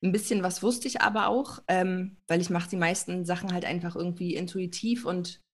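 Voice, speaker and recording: A woman's voice: lowish voice, steady tone, brisk. A pregnant woman hosting a podcast, talking casually and rambling, with lots of fillers and colloquial asides. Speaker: podcast host. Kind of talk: casual chat.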